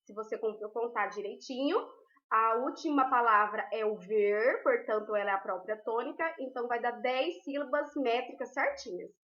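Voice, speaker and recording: A woman's voice: a little high, moderate pace, fairly bright tone. A woman teacher giving a recorded class, explaining patiently step by step and checking in with her students often. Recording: roomy, dull lo-fi.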